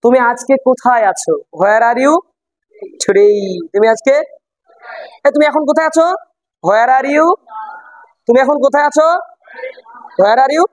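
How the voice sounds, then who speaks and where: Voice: high-pitched, a little slow, pauses often, no echo, poor audio. An English teacher runs a classroom lesson, repeating phrases and quizzing the students. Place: classroom with a board.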